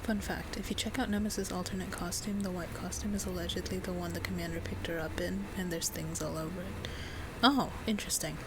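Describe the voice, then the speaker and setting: A woman's voice: lowish voice, fairly even intonation, a little fast, very noisy. A woman streaming a game, reading its story aloud with casual asides and sometimes stumbling over and rereading lines. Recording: music behind the voice.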